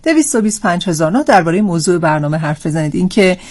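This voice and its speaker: A woman's voice: fairly low pitch, sing-song, darkish tone. A woman hosting a live call-in show in a friendly, chatty way, reading out listener texts. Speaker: radio show host.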